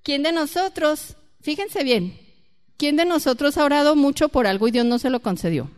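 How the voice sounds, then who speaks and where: A woman's voice: high voice, expressive, normal speed. A woman preaching a conversational sermon and asking her congregation questions. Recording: long hall reverb.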